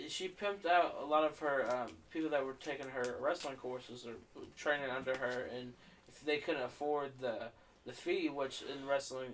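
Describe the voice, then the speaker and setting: Young man in his twenties, halting. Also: medium pitch. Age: 20s. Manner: halting, with frequent restarts. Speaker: podcast co-host. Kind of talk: casual chat. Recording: somewhat distant mic, faint noise.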